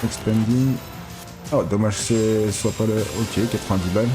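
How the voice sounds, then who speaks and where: A man giving excitable, casual live commentary as a casino streamer, pleading with the reels and swearing. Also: lowish voice, moderate pace, over music.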